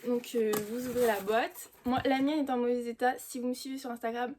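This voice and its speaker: High-voiced woman chatting through an unboxing. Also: level tone, a little fast, a little mellow, slight background noise. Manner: chatty, full of hesitant fillers. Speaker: booktube host. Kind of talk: casual unboxing chat.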